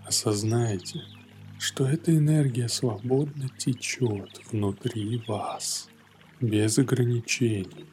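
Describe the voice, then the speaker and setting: A man narrating a guided morning meditation in a gentle, soothing yoga-teacher manner, leaving long pauses between phrases. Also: medium pitch. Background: soft music.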